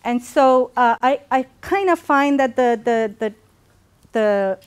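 A middle-aged Pakistani woman, an artist, gives a reflective gallery talk full of pauses and fillers, filmed from a distance in a large gallery room. Her voice is fairly high, expressive and smooth.

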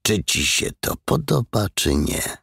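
A man's voice: lowish voice, big pitch swings, measured pace, vocal fry, fairly bright tone, slightly rough, dry recording, studio quality, voice pushed up, full character voice. A man voicing a crude, violent male thug who talks in a coarse, mocking, defiant way.

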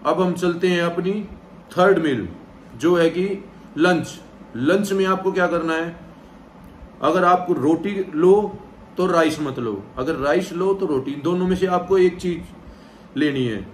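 In this casual how-to vlog, a man in his thirties who trains people at the gym lays out a vegetarian meal plan from his sofa, calm and direct, often saying "theek hai" to check on viewers. He speaks on the high side and a little slowly. The far-off camera, with no mic in view, picks up room echo and a faint hiss or hum.

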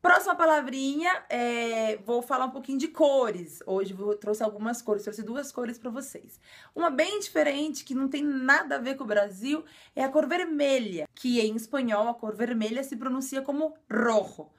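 Brazilian woman, high voice, casual video teacher who repeats and explains patiently. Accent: Brazilian Portuguese. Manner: explains slowly and repeats words, frequent filler "é". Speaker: language teacher.

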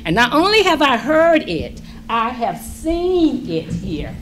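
At a public forum in a large school meeting room, a middle-aged woman addresses the school board through a distant standing mic, her high voice very animated and slow. She sounds earnest and pleading, stressing words as she goes, with background noise present.

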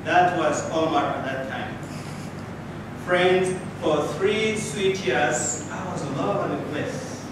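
Telling a story with dramatic pauses and rhetorical questions, a club speaker delivers a prepared Swahili speech to an audience in a small indoor meeting room. His voice sits on the high side. A camera far away, with no mic, captures him, so the sound is echoey, distant and has background noise.

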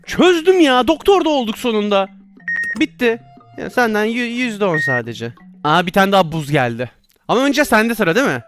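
A young-sounding man with a high, very lively voice chatters through a VR game, excitable and quick to exclaim as things go wrong. Faint game music plays under his voice. He talks casually, as if to friends. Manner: excitable, exclaiming and laughing at his own mishaps. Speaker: VR gameplay streamer. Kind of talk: casual gameplay commentary.

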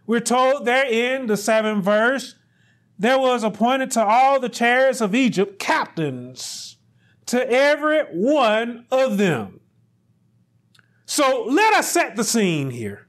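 In a small studio, a middle-aged pastor preaches in a noticeably high-pitched voice. His delivery is slow and deliberate, drawing out phrases unhurriedly before swelling into loud, high emphasis at key points.

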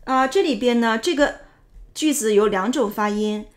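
Higher-voiced woman teaching English in Mandarin. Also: normal speed. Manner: patient, step-by-step, with filler sounds. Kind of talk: explaining English grammar and pronunciation in Mandarin.

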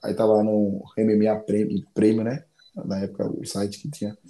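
A man's voice: on the low side, monotone, normal speed, warm tone, echoey room. A man, an MMA fighter telling stories in a casual interview, rambling and repeating phrases.

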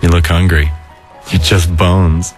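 In an animated comic dub, a man voices a weary, laid-back adult skeleton who is brooding yet kind, speaking in a low-key, reflective drawl. He takes things slowly over background music, his mood weary and guarded.

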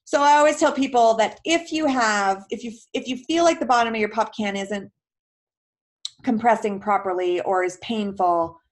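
A woman's voice: fairly high pitch, moderate pace. A woman physical therapist explaining in a casual question-and-answer talk, chatty, with many filler words and homely comparisons.

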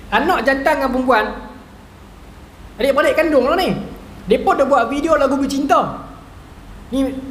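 A man in his thirties with a northern Malaysian Malay accent, giving a humorous religious lecture full of stories and asides to the audience. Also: extremely high pitch. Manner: chatty, storytelling, keeps asking the audience "right?". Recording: echoey hall with faint noise.

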